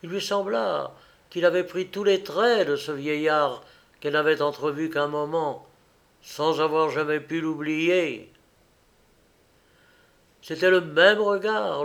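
A man reading a gothic tale aloud in a slow, dramatic storybook narration. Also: fairly high pitch, fairly even intonation, fairly bright tone.

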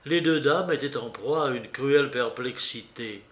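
A man narrating a classic novel as an audiobook in a measured, literary manner. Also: medium pitch, fairly bright tone. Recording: roomy recording.

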